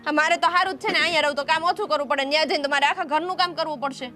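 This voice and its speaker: A woman playing a stubborn, fast-talking younger daughter. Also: high-pitched, steady tone, bright, forceful tone, faint music behind. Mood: defiant. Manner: defiant, argumentative. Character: stubborn younger daughter insisting on marrying first. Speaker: younger sister. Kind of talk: family drama acting.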